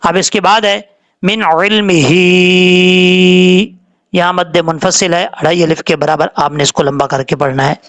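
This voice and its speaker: A man teaching Quran recitation rules, explaining calmly and drawing out the words he demonstrates. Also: on the high side. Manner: explains slowly, drawing out Arabic words when showing them. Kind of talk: tajweed lesson with slow demonstrations.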